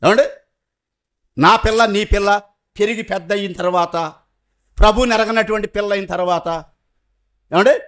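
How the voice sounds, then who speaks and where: Male preacher, high-pitched voice, middle-aged, dramatic swings from forceful to hushed, rhetorical sermon delivery. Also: moderate pace, long pauses. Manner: emphatic, rhetorical questions, swings from loud to hushed.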